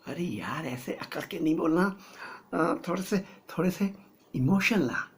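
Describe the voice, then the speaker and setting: Casting: weary, scolding film director, gravelly, lower register, played by an older man. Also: lively intonation, a little slow. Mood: exasperated. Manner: impatient, scolding. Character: exasperated male film director. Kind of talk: comedy sketch acting.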